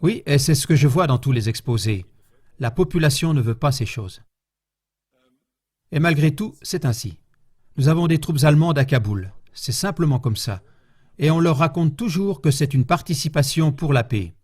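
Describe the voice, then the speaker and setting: A man delivering a public history lecture in a somewhat high voice. He talks in a measured, steady way and keeps turning to the audience with rhetorical questions. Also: breathy edge.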